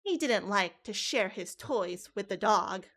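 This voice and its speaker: A woman's voice: mid-range voice, lively intonation, measured pace, a bit bright. A woman running a live coding workshop for teachers, casual and talking through each step aloud with frequent restarts. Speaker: teacher trainer.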